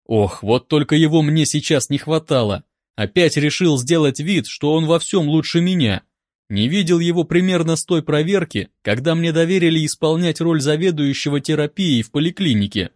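A man calmly reading a first-person audiobook in an even, wry manner, close to a studio mic. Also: a little high, moderate pace, dry recording. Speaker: audiobook narrator.

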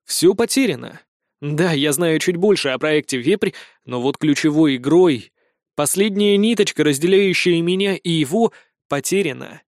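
A man narrating a first-person fantasy audiobook in a steady, matter-of-fact manner. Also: on the high side, moderate pace, no echo, clean studio sound.

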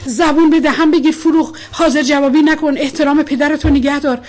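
A woman's voice: high voice, fairly even intonation, darkish tone, voice pushed up, natural voice. A woman voicing a worried middle-aged mother pleading with her husband in a storybook reading. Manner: pleading, tearful.

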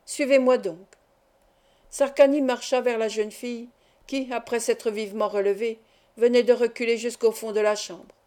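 A woman's voice: on the high side, fairly even intonation, moderate pace, warm tone. A woman reading a classic adventure novel aloud as an audiobook narrator, lifting her voice for the quarrels in the dialogue. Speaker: audiobook reader. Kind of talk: scripted narration.

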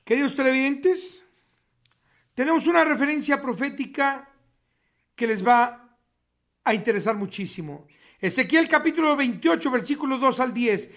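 A man preaching a sermon on the radio, reading scripture in a slow, emphatic, declamatory way. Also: very high-pitched, lively intonation, fairly bright tone. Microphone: radio studio mic.

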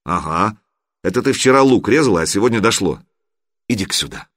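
A cocky young man teases and jokes in a lively, easygoing voice, as a male reader puts him on. His voice sits fairly low and moves a lot in pitch. The sound is dry and close. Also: fairly quick, dry recording. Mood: teasing.

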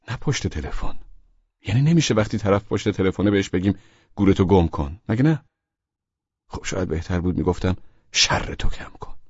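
A man's voice: deep voice, husky, dry recording, lo-fi sound. A man narrating a first-person audiobook story, intimate and sometimes whispered. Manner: intimate, shifting to hushed whispers.

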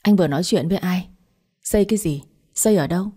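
An aggrieved middle-aged wife pouring out her grievances , voiced by a woman narrator. Her voice is low, warm and husky. She speaks in an indignant, wailing way. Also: fast. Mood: alarmed.

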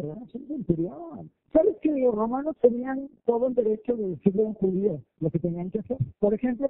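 A male pastor, preaching a lively sermon, acting out quoted voices and asking listeners questions. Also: sits high, no room sound. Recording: tinny phone-like, dry sound.

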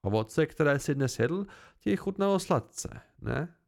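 A man voicing a calm, stern male chronicler who lectures in a firm, patient way, with a gravelly voice. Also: fairly high pitch.

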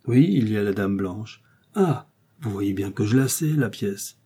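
A man's voice: fairly low pitch, animated, measured pace, warm tone, husky. A man voicing a flustered young son-in-law who stammers through evasive excuses.

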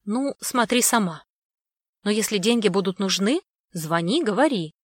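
A woman reading aloud and voicing a caring, worried middle-aged mother who talks loud and bright. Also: mid-range voice, animated, moderate pace, no echo, lightly acted. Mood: fussing, caring.

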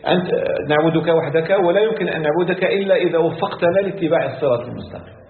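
A man's voice: on the high side, racing. A man teaching a religious lesson on Quran exegesis, explaining points and repeating key phrases. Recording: echoey hall on a tinny lo-fi line.

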